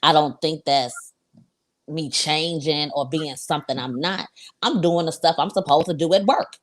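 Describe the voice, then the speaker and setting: Low-voiced woman in her forties, matter-of-fact. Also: normal speed. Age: 40s. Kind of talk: casual podcast chat.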